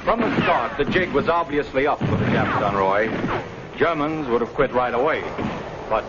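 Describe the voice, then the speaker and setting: A man's voice: mid-range voice, expressive, moderate pace, heavy background noise. A man with an American accent narrating a scripted 1940s wartime newsreel in a dramatic, declarative way. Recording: dull 1940s newsreel, loud music behind.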